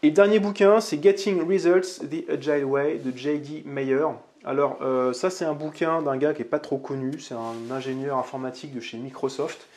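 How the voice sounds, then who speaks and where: A man with a voice pitched a little above the usual, talking casually to camera on his own channel. He is chatty and upbeat and speaks straight to the viewer as if to a friend. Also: steady tone, moderate pace, hardly any pauses, darkish tone. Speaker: channel host reviewing books. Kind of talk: casual vlog talk to camera.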